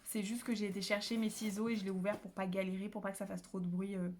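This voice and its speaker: A woman's voice: mid-range voice, flat delivery, fast, darkish tone, a little hiss or hum. Woman, book vlogger, casual chat, filmed on a phone at home, rambling, lots of fillers. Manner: chatty, rambling, many fillers and self-corrections.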